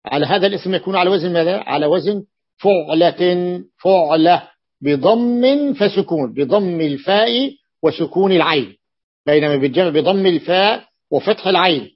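Man teaching a grammar class, kinda husky, higher voice, muffled lo-fi recording, keeps repeating examples. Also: normal speed. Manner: repeats examples and checks understanding. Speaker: teacher of Arabic morphology. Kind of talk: explaining a classical text to students.

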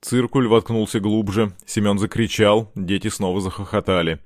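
Low-voiced man narrating an audiobook. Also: steady tone, normal speed, no room sound, studio quality. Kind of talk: scripted narration.

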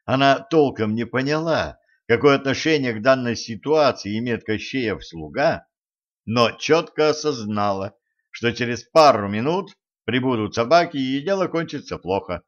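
A man reading an audiobook aloud, acting out the dialogue with lively shifts in loudness. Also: mid-range voice, normal speed, muffled recording. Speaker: audiobook narrator. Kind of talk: audiobook reading with character voices.

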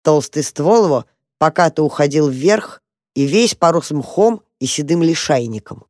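A narrator reading a children's story aloud in a calm, even manner. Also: mid-range voice, measured pace, dry recording, clean studio sound.

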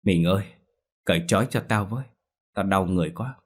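A man voicing a young man possessed by a spiteful ghost, speaking in a thin, eerie rasp in a storytelling narration. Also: low-pitched, fairly quick. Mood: wheedling. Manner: wheedling then cursing.

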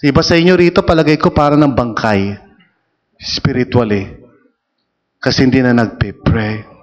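A pastor preaching a sermon in a church hall, talking in a conversational way, teasing the congregation and asking them questions. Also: male voice, mid-range voice, normal speed, lo-fi sound. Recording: long hall reverb.

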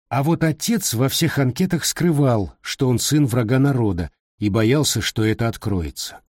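Middle-aged male narrator, husky timbre, dry close mic, calm reflective memoir reading. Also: medium pitch, dry recording. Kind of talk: reading a personal memoir aloud.

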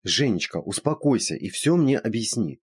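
A man's voice: medium pitch, sing-song, normal speed, husky, no room sound, pitched above the performer's own voice. A man voicing a skeptical, teasing female friend. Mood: lecturing.

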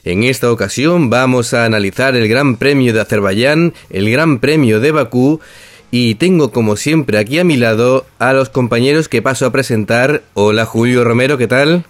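A man from hosting a casual sports talk show, speaking haltingly with frequent filler sounds. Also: medium pitch, no echo. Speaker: podcast host. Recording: music bed behind the voice. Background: music.

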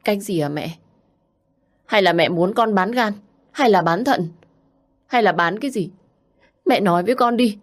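A woman's voice: mid-range voice, animated, unhurried, pauses often, pitched above the performer's own voice. A woman voicing a worn-out young daughter who speaks in an anguished, raised voice.

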